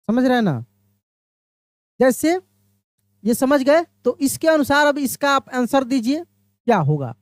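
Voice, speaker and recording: A woman's voice: high-pitched, no echo, clean studio sound. A woman teaching an exam-prep grammar lesson, explaining step by step and often asking her listeners questions before answering them herself. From India. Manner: drawls English example phrases out slowly.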